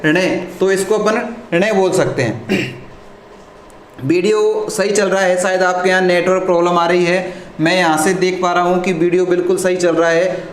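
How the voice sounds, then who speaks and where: A man teaching a live online lesson, asking the class questions and answering them himself, often clearing his throat. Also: high-pitched. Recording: echoey room with faint noise.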